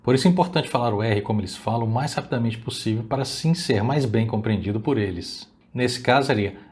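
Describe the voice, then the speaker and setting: A man whose first language is Portuguese, teaching a recorded Spanish lesson and slowly drawing out example words to model their pronunciation. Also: mid-range voice, a little mellow.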